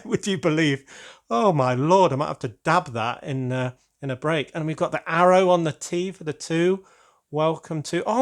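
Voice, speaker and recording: A British man hosting his own channel, chatting casually and gushing with delight as he unboxes a gift, full of rambling asides. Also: a little high. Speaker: LEGO channel host.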